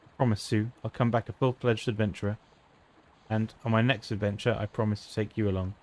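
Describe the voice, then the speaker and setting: A man's voice: on the low side, level tone, a little fast, a little hiss or hum, natural voice. A man voicing a determined, earnest boy adventurer while reading game dialogue aloud. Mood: resolute.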